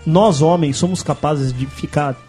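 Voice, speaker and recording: A Brazilian man with a high voice trades loud, joking banter as a podcast co-host. He tells stories with animated energy. Faint music plays behind him. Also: measured pace. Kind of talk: casual banter.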